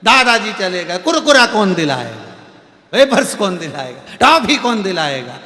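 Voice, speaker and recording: A man voicing a small grandson who wails loudly and greedily, in an echoey hall with soft music. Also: high-pitched, big pitch swings, a little slow, pitched above the performer's own voice, exaggerated voice. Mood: wailing. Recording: echoey hall with long reverb, faint music.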